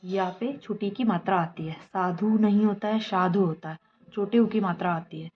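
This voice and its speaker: A woman's voice: medium pitch, normal speed, muffled recording. Woman teacher reading spellings aloud. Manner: explains each word, asks and answers her own questions. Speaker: exam prep teacher. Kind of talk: lesson reading a book aloud.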